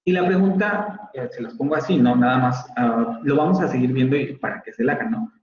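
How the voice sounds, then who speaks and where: A man's voice: medium pitch, fairly quick, darkish tone. A man with a Mexican Spanish accent lecturing a university phonetics class, explaining points and repeating example words to model their pronunciation. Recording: roomy, slightly dull audio with faint ambience.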